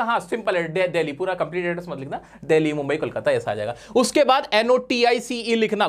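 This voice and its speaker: A male teacher giving a live exam revision class, talking in a chatty, teasing way and mixing in English terms. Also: high-pitched.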